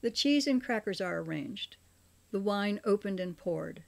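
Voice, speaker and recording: An older woman, the author, reading her memoir aloud as an audiobook in a measured, expressive way. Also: mid-range voice, vocal fry.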